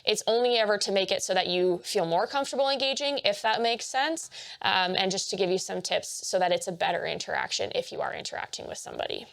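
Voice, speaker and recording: A young woman giving a training presentation, talking fast with many fillers and restarts. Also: medium pitch, gravelly.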